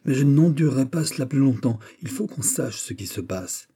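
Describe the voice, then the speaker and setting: A man's voice: on the low side, very animated, darkish tone, breathy edge, exaggerated voice. A man playing a jealous, bitter prince. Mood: furious. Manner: bitter, quick to anger, whining. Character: jealous petulant royal prince, grown man.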